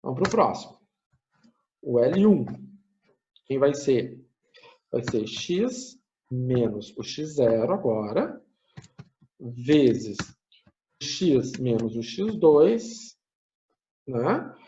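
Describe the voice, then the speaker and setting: A man giving a math lecture, thinking aloud step by step, often checking in with a quick tag question and correcting himself as he goes. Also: mid-range voice, big pitch swings, warm tone, a little hiss or hum. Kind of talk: recorded classroom lecture. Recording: muffled lo-fi recording.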